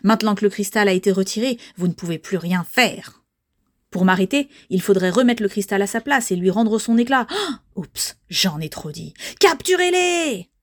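A woman's voice: medium pitch, moderate pace, lightly acted. Shadow, a gloating horned villain, put on by a woman. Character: boastful horned villain in a cape.

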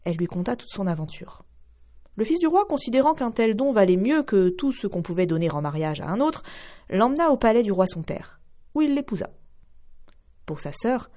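A woman reads a fairy tale for radio in a clear, expressive voice. Her pitch moves in a lively, wide melody. She narrates at a measured storyteller's pace. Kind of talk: storybook reading.

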